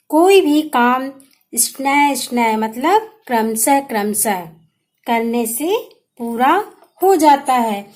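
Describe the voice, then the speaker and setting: Brief: high-pitched female schoolteacher from India, slow and drawn-out, quizzes the class and answers herself. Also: darkish tone. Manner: drawn-out syllables, asks questions and answers them herself. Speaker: primary school teacher. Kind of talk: slow, deliberate Hindi lesson for young children.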